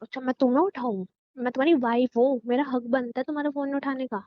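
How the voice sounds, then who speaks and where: A woman's voice: sits high, steady tone, quick pace, close to an everyday voice. A woman playing a suspicious young pregnant wife who accuses and interrogates her husband in a scripted phone-call sketch. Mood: accusing. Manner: accusing, insistent, sharp-tongued. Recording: dull lo-fi phone-call sound.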